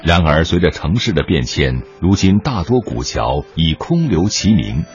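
A man narrates a television documentary in a deep, low voice, his pitch rising and falling expressively. His delivery is measured and storytelling. The audio is slightly dull, with soft music behind him. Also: sing-song. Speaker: news narrator.

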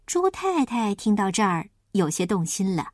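A woman narrating a children's story in an expressive, lilting storyteller's manner. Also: mid-range voice, normal speed, no echo, clean studio sound.

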